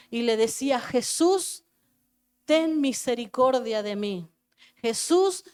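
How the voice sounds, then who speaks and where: A woman pastor with an Argentine accent preaching a fervent sermon at a church service, repeating her phrases and asking the congregation questions. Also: high-pitched. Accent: Argentine Spanish.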